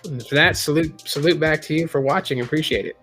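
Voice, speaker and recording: A man's voice: fairly high pitch, fast, fairly bright tone, soft background music. Candid man in his thirties, live-streaming. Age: 30s. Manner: rambling, candid, many restarts, reads chat aloud. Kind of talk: casual live-stream chat.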